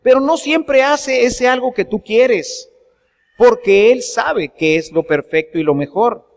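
High-voiced priest preaching in church. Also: male voice, a little slow, big-room sound. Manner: earnest preaching with rhetorical questions to the congregation. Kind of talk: sermon.

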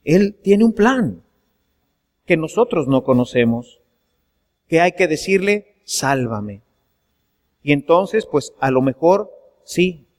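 Priest, high tenor, earnest sermon with questions to the flock, long church reverb. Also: male voice. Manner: earnest preaching with rhetorical questions to the congregation.

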